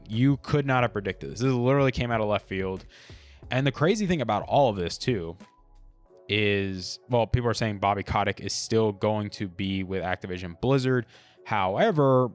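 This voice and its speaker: A podcast host talking through his views off the cuff, blunt and opinionated, leaning on casual fillers. His voice sits low for a man. Soft music plays faintly under him. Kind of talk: unscripted solo commentary.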